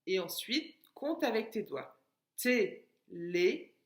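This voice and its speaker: A woman teaching a lesson to young children at home, speaking slowly and deliberately and encouraging them as she stretches out words. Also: medium pitch, sing-song, fairly bright tone. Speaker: preschool teacher. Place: home, washing machine running. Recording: echoey room recording.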